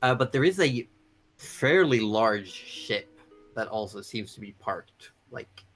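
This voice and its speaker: A man's voice: on the low side, animated, slow pace, a bit bright, faint music behind. A man narrating a tabletop game as game master, improvising and often repeating phrases as he goes.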